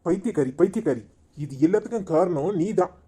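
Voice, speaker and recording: A man's voice: high-pitched, lively intonation, fast talker, dark tone, husky. A man voicing a scolding village husband torn between two wives, with a Tirunelveli Tamil accent. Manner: scolding, name-calling. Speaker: voice actor in a cartoon comedy. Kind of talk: village cartoon drama.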